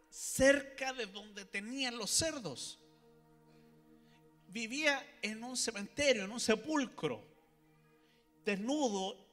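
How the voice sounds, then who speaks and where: A man's voice: extremely high pitch, a bit bright, big-room sound. A man, a pastor preaching animatedly and speaking directly to the congregation. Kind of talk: sermon. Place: church hall.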